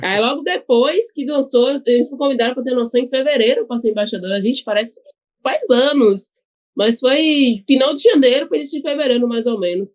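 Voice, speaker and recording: A woman's voice: sits high, fairly quick. A woman with a Bahian accent, a podcast guest talking casually, laughing often and tagging sentences with questions. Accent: Bahian Portuguese. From Bahia, Brazil. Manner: chatty, laughs often, frequent tag questions. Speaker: podcast guest, cachaça ambassador. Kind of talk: casual chat.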